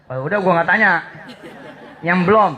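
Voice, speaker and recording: Male preacher, high-pitched voice, playful, teasing, acts out scenes. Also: animated, fairly quick, highs cut off, a faint crowd. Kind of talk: Islamic sermon.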